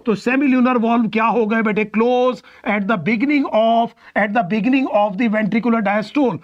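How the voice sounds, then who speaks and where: A man teaching biology in a live online class, with a very high voice. He walks through each step, keeps asking the students questions and answering them himself, and stretches out his English phrases. The audio is dull and lo-fi. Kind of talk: live online exam-prep lecture.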